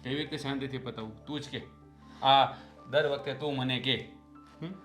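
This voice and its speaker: A man's voice: medium pitch, normal speed, fairly bright tone, faint music behind, lightly acted. An actor playing a frustrated elder brother and husband who complains about his family and bickers with his wife. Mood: grumbling. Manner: complaining, teasing banter. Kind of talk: family drama acting.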